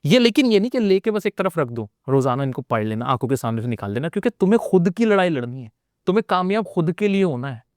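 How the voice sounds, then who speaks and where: A man with an Indian accent teaches an energetic spoken English class, urging his students on and repeating lines to drive them home. His voice sits a little high for a man and sounds smooth and crisp. The recording is close and dry, with no room sound. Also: quick pace, no room sound. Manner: motivational, addresses students directly and repeats phrases. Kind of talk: energetic online class lecture.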